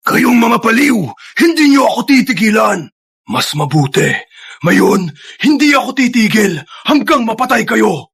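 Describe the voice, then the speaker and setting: An actor playing a fierce, defiant old grandfather, shouting in a husky voice in a dubbed drama. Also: very high-pitched, big pitch swings, a little slow, exaggerated voice. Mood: furious defiant. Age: older.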